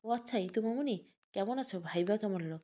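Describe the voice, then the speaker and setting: A woman's voice: medium pitch, fairly quick, mellow, close to an everyday voice. A woman voicing a kindly middle-aged male office colleague who is friendly and soothing, in an audio story. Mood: reassuring.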